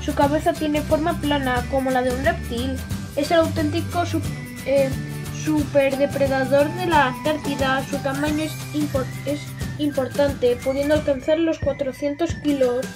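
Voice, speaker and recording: A woman's voice: high-pitched, steady tone, moderate pace. A woman hosting a toy unboxing for children in an enthusiastic, sing-song manner. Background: music.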